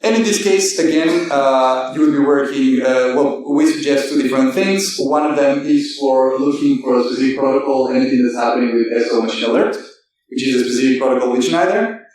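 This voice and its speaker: A man giving a technical conference presentation, halting and full of fillers and self-corrections. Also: mid-range voice, darkish tone. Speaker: conference speaker. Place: conference hall. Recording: echoey hall, distant mic.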